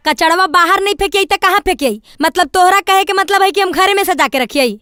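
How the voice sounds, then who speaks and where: A woman with a Magahi accent snaps back brusquely in a village comedy skit. Her voice is very high and bright. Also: brisk, no echo, studio quality, faint music behind. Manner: brusque, dismissive.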